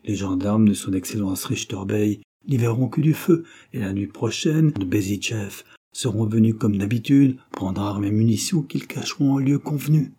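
A man's voice: on the low side, moderate pace, hardly any pauses, dark tone, slightly rough. A man voicing a brave, cheerful teenage boy in a storybook reading. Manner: confident, lighthearted.

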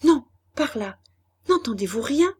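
A timid young girl pleads in a high, trembling voice, as a woman reads her lines. Her urgent tone swings widely and sounds breathy. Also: lively intonation, unhurried, a little mellow, exaggerated voice. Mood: anxious.

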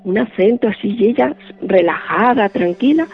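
High, gravelly man on a phone-like line. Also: lively intonation, moderate pace, soft background music. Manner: vivid, acts out quoted dialogue. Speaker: guest. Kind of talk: radio interview storytelling. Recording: band-limited dry phone-like line.

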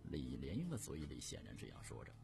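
A man narrating a traditional story in a dramatic way, often dropping to hushed asides, on a radio broadcast. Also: a bass voice, huge pitch swings, fairly quick, creaky. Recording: radio broadcast with music bed.

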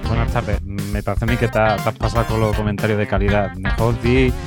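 A man's voice: on the low side, flat delivery, brisk, over loud music. A man co-hosting a film podcast with casual, joking chat. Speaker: podcast co-host.

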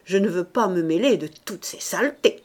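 A woman's voice: on the high side, animated, measured pace, mellow, breathy edge, pitched above the performer's own voice. A woman reading an audiobook, voicing a sarcastic judge's wife who speaks with cutting, over-polite mockery. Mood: indignant. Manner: mocking, terribly polite tone.

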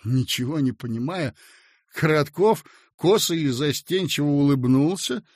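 A man narrating a classic story aloud with a theatrical, expressive reading. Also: on the high side, a little slow, no room sound, clean studio sound.

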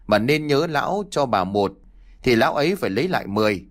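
Man doing a gruff, scolding village father. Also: mid-range voice, sing-song, fast, lightly acted. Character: stern, gruff middle-aged village father.

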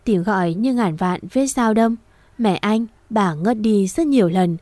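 Woman reading a sad story, warm soft voice, dry mic. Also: medium pitch, expressive, measured pace, no room sound. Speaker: narrator. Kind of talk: first-person audio story reading.

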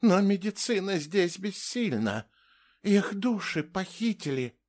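A high, shrill matron on edge, her voice squeaking up well above an ordinary speaking voice, as a male audiobook narrator puts her on. She is defensive and plaintive by turns, with a nervous quiver in the voice. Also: expressive, measured pace. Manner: shrieking, then plaintive and trembling. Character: shrill, defensive middle-aged woman, orphanage keeper. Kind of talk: audiobook character voice.

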